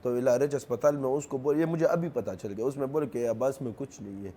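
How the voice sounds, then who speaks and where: A young grieving man with a Pashto accent, a native Pashto speaker, recounting events in an interview in halting, broken phrases that repeat themselves. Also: medium pitch, warm tone. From Khyber Pakhtunkhwa, Pakistan.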